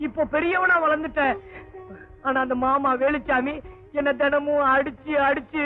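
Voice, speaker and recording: A high-voiced, hot-tempered young son. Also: male voice, fairly even intonation, normal speed. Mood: overjoyed. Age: young adult. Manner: curt and angry, then overjoyed. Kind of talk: classic film melodrama. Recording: dull old film soundtrack, faint music.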